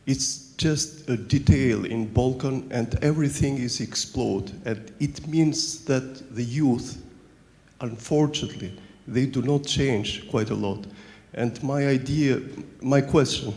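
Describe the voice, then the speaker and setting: A journalist in a conference audience, a man with a gravelly voice. He speaks haltingly and earnestly, searching for his words. His handheld mic echoes with a long hall reverb. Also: mid-range voice, a little mellow. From Albania. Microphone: handheld microphone.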